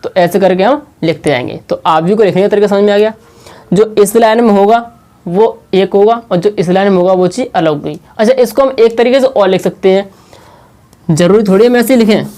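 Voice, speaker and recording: A man with a high, mellow voice works through a maths lesson at the board, going slowly and repeating himself. He asks questions aloud and supplies the answers on his own.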